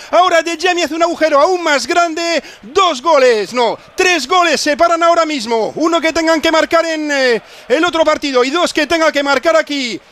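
Piercing, bright man, breakneck goal commentary. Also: very high voice. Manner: shouting, repeating goal calls. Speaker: football match commentator.

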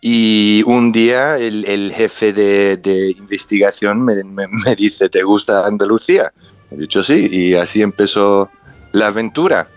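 A man with a lowish voice speaks at a measured pace, telling his story as an interview guest; he is an underwater explorer and researcher. A native English speaker with a foreign accent, he searches for words and repeats himself for emphasis. The sound is muffled, with music behind it.

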